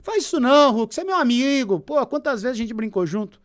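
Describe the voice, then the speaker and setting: A man's voice: very high-pitched, animated, quick pace. A man, giving sarcastic, teasing live commentary as he reacts to a debate for his chat. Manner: sarcastic, teasing, swings from loud to muttered.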